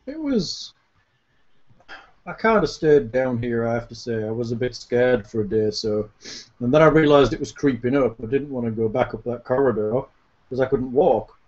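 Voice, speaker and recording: A man's voice: medium pitch, lively intonation, moderate pace, a little mellow, dull audio, natural voice. A man voicing a frightened, paralysed male expedition survivor with a Yorkshire accent, speaking in a plaintive, worried way. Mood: shaken.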